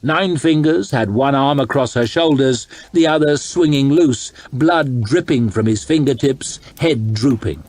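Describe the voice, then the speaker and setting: A man calmly reading a story aloud in an ASMR storytime style, slow and dramatic. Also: medium pitch.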